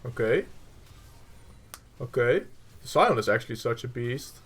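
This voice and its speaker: A man's voice: medium pitch, lively intonation, unhurried, a bit bright, slightly rough. A man coaching through a gameplay review, blunt and profane, with lots of fillers. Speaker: game coach.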